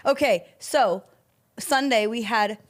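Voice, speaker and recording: A woman in her thirties co-hosting a casual podcast, her voice a little higher than most. She teases her co-host and laughs often, and her talk is quick to turn playful. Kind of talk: casual chat.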